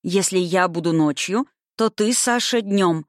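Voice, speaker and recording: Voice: medium pitch, unhurried, no echo, studio quality, close to an everyday voice. An audiobook reader voicing a fussy middle-aged governess who speaks with emphatic, theatrical dismay. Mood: fretful. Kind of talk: audiobook reading.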